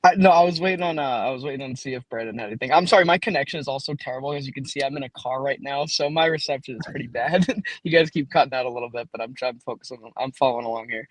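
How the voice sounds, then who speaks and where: A man co-hosting a casual chat over a poor call connection from a car, talking in a rushed, apologetic way. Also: mid-range voice, no echo. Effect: bad connection on a call from a car, cutting out. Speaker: podcast co-host. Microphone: remote call.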